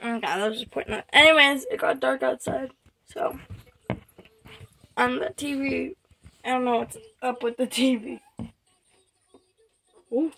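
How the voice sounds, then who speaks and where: Slow, rambling higher-voiced woman vlogger. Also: steady tone, creaky, fairly bright tone, slight background noise, rough recording. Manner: rambling, filler-heavy with many likes and restarts. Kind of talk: casual chat to camera.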